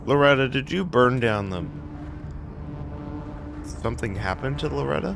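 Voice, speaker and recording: A man's voice: medium pitch, lively intonation, moderate pace, creaky, noisy background. A man giving casual, sweary gameplay commentary with a sarcastic, jokey manner. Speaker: game streamer.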